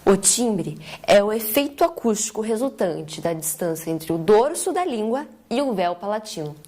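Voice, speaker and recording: A woman's voice: medium pitch, big pitch swings, normal speed, warm tone, soft background music. A woman co-narrating a scripted grammar lesson, reading definitions in a textbook tone.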